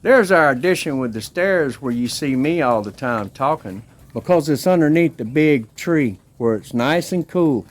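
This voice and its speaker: A man's voice: on the high side, expressive, moderate pace, hardly any pauses. A man vlogging casually and defiantly while walking outdoors with a handheld camera, rambling, a cigar in his mouth. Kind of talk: casual walking vlog tour. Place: outdoors at a rural family home.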